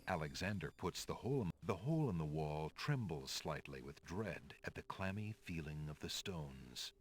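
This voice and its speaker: A man narrating a fantasy video game in a measured, theatrical, gently wry storybook manner. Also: rumbling low, animated.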